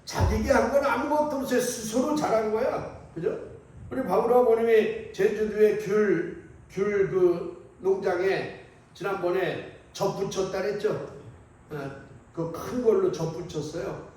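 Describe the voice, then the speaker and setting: High-voiced priest in an echoing church. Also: male voice, measured pace, a little mellow. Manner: conversational storytelling, asking the congregation questions. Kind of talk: sermon. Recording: echoey church from a distant mic.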